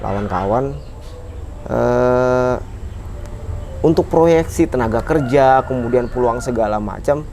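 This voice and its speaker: A man with a Banjar-tinged Indonesian accent hosting a casual interview, speaking in a relaxed, drawn-out way. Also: medium pitch, slight background noise. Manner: relaxed, drawn-out, many soft hums of assent. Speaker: host.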